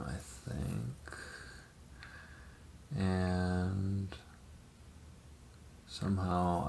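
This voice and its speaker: A man with a low, gravelly voice talks slowly through his past on a live stream, trailing off and restarting with plenty of ums. Faint noise hums behind him. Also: darkish tone. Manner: slow, rambling, hesitant with many ums and swearing. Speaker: livestream host telling his life story. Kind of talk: casual live testimony.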